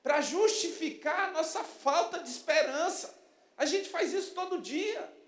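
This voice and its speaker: Animated preaching man in an echoey church. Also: very high voice, unhurried. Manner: animated preaching with acted-out quotes. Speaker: pastor. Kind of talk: sermon. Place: church sanctuary.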